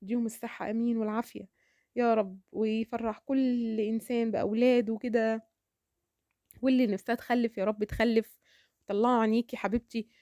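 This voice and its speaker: A woman with an Egyptian accent chatting to her viewers as a home vlogger, talking fast with prayers and laughs. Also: on the high side, flat delivery, dry recording, studio quality. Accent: Egyptian Arabic. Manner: rapid, warm-hearted chatter with prayers and frequent laughs.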